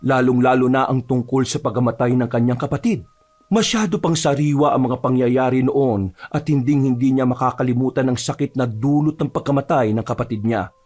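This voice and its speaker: A man's voice: mid-range voice, brisk, a little mellow. A man narrating an audio horror story and voicing its earnest lead character.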